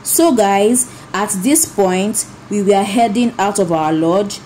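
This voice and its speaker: A woman narrating her vlog as a calm voice-over. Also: mid-range voice, takes it slowly, slight background noise, rough recording. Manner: calm recounting. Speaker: vlogger.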